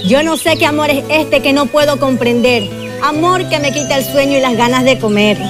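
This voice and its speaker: High-voiced Ecuadorian woman reciting verses. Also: moderate pace. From Puerto Viejo, Ecuador. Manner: playful rhymed recitation. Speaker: actress and singer. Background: folk music.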